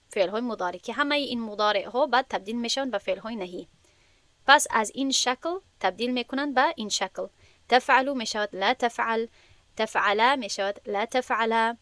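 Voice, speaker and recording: A woman's voice: on the high side, a bit bright, dry recording. A woman with a Tajik accent teaching an Arabic grammar lesson, methodically reciting conjugation tables aloud.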